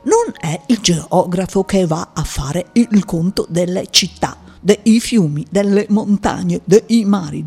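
Slow pompous old geographer, dark husky voice, lively pitch, soft music behind. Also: heavily acted. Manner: slow, lecturing, self-important. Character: pompous old male geographer, self-important.

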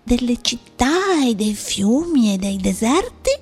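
A woman's voice: on the high side, very animated, slow pace, a little mellow, husky, soft background music, heavily acted. A woman voicing a curious, earnest young boy prince in an audiobook drama, full of wondering questions.

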